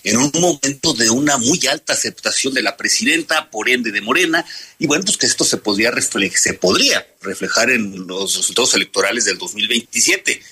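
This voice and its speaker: A Mexican man on a radio political panel with a very bright but husky voice. He hesitates often, repeating words and filling pauses as he works through his point. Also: mid-range voice, animated. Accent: Mexican Spanish.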